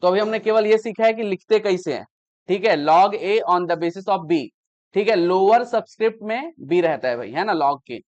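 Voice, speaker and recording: Male math teacher, high-pitched, repeats steps, lo-fi classroom audio. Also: animated, normal speed. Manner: explains patiently, repeats steps, checks understanding.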